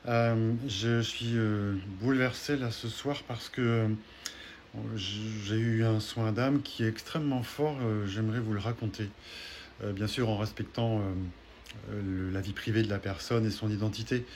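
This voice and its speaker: A soul healer recounts a single session to his online followers as casual spoken testimony, hesitant and full of fillers and restarts. His fairly low, slightly mellow voice stays fairly even at a moderate pace, with a little hiss or hum.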